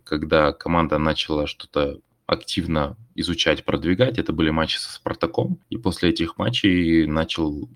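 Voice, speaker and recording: Super deep voice guy talking football, hopeful, dry sound. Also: no room sound. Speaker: football pundit. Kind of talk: post-match discussion.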